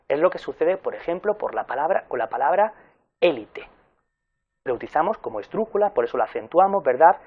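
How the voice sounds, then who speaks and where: A man giving a recorded university lecture in an explanatory way, pausing with fillers and correcting himself as he goes. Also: a little high, phone-quality sound.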